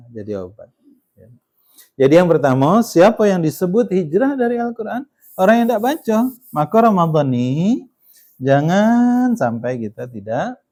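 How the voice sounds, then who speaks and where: A man's voice: medium pitch, dark tone. A man giving a Quran study sermon in a conversational way, often ending points with tag questions and pressing them with emphasis. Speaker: Islamic preacher.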